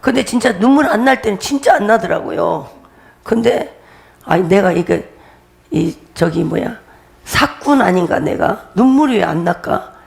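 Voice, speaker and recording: Woman pastor preaching a testimony, gravelly voice, repeats herself a lot, laughs mid-sermon. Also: mid-range voice, expressive, moderate pace. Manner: emphatic, repetitive, laughs while preaching.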